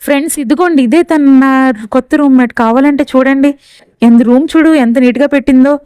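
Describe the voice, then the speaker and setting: A woman's voice: high-pitched, fast talker, dark tone, no room sound, close to an everyday voice. A woman voicing a spiteful, bossy young roommate who speaks haughtily and schemes against a newcomer. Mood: haughty.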